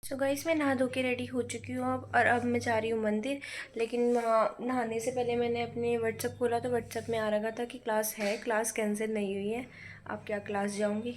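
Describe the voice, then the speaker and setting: A woman's voice: fairly high pitch, flat delivery, normal speed. A young woman chatting casually to her phone camera at home in a daily vlog, sprinkling English words into her talk as she tutors children. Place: home, indoors. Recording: faint background noise.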